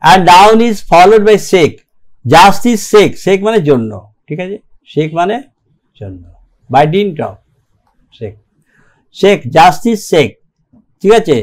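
A man teaching English grammar in a recorded lecture, reading rules aloud slowly and keeping checking that the class follows. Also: sits high, sing-song. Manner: slow and deliberate, reads English rules aloud, keeps checking "ঠিক আছে?".

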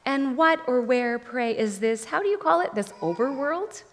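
A woman voicing a sweet-voiced scheming witch queen in a soft, soothing, quiet voice, recorded in a reverberant hall. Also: sits high, lively intonation, moderate pace, a little hiss or hum, voice pushed up.

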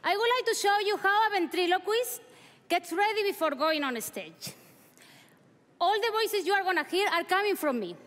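A woman's voice: extremely high pitch, animated, moderate pace, a bit bright. A woman in her thirties from Spain, speaking with a Spanish accent as a contestant at a stage audition. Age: 30s. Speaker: contestant, ventriloquist. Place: large theatre stage. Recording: noisy theatre stage.

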